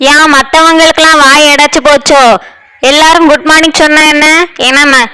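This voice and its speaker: Woman, high bright voice, stern exasperated teacher scolding. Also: flat delivery, fairly quick, poor audio. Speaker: voicing a strict maths teacher. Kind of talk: Barbie doll play voice-over.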